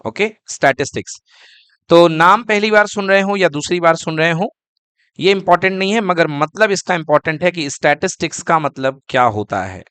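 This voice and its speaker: A man's voice: on the high side, lively intonation, moderate pace, fairly bright tone, clear, resonant tone, no echo. Male teacher, lecture delivery, question-and-answer style, clean dry sound. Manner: asks students questions and answers them himself; calls students kids and beta. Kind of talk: classroom lecture.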